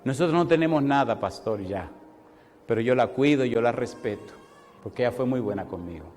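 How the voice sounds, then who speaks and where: A man preaches and tells stories with lively swings from hushed asides to loud calls. His mid-pitched voice carries a long reverb through a church hall. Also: a little fast, a little hiss or hum. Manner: animated, moving between soft asides and loud exclamations. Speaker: pastor. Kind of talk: sermon storytelling.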